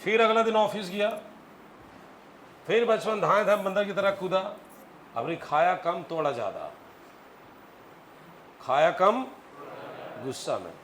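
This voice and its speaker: A male physics teacher lectures with animated storytelling and keeps quizzing his class. His voice sits a little high for a man. The room is echoey with a faint hum behind. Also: a little slow, pauses often.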